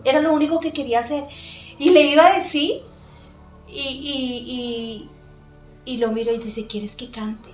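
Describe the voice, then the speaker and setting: A woman's voice: high-pitched, a little mellow. Middle-aged woman telling an emotional testimony. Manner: earnest, emotional storytelling with many pauses and fillers. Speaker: podcast guest. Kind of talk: personal faith testimony. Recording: echoey room with faint music.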